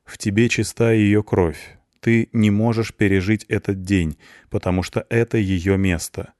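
A man reading an audiobook, voicing a merciless executioner who speaks slowly, calmly and evenly. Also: fairly low pitch, no room sound, studio quality, close to an everyday voice. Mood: cold calm. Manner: slow, measured, cold. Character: calm slow merciless executioner father.

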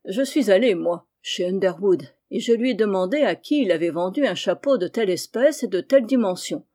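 A woman's voice: mid-range voice, mellow, close to an everyday voice. A woman reading the part of a self-satisfied male police detective, eager and pleased with himself, in an audiobook.

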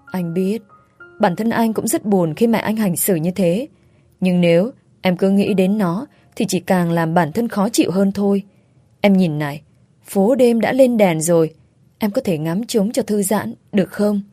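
Woman doing a tired, steady young husband. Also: mid-range voice, normal speed, dry recording, soft background music, natural voice. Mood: tired, gentle.

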